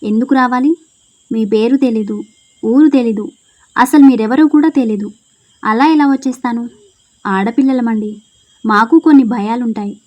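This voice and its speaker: A woman's voice: on the high side, normal speed, pauses often, darkish tone, dull audio, natural voice. Woman playing a timid college girl. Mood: nervous. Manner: pleading, nervous. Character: timid young college girl, nervous and stubborn.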